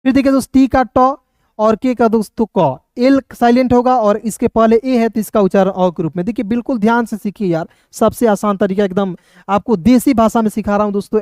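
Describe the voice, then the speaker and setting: A man's voice: sits high, a little mellow, clean tone, no room sound, clean studio sound. A man giving a recorded video lesson as a reading teacher, spelling words out letter by letter and patiently repeating filler phrases. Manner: patient and repetitive, often adding filler phrases. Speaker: English teacher.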